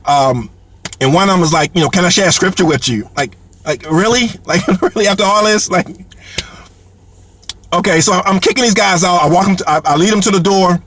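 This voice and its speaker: Brief: man, high voice, animated comic storyteller, lots of fillers and restarts. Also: brisk, long pauses, slight background noise. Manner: heavy fillers and repeated words; animated, laughs between lines. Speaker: comedian telling a story.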